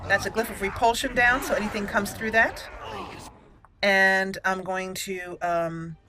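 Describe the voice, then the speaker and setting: A woman of medium pitch and fairly even intonation takes her time with casual gameplay commentary, thinking aloud as she describes each move on her channel. Game music and background noise fill the backdrop.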